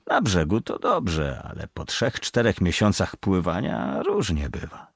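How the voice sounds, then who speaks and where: A man voicing a husky, secretive old bosun. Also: sits low, wildly swooping pitch, a little slow, dry recording, studio quality, full character voice. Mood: guarded. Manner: hushed, secretive. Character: evasive, superstitious middle-aged male ship's bosun.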